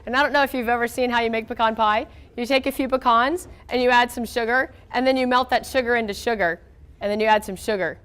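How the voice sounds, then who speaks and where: A woman's voice: on the high side, steady tone, quick pace, a bit bright, clear, resonant tone. An American woman giving an informal physics lecture, her voice weak from a cold, conversational and often checking in with her students. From southern United States. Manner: conversational, checks in with okay and all right.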